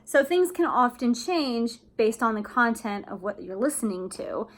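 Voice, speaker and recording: A woman talks through an acting lesson in a relaxed, chatty way. Her voice sits fairly high, and she leans on fillers like "you know" and "um" as she explains. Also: moderate pace. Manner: chatty, many fillers, acts out excited phone calls. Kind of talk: casual explanatory talk.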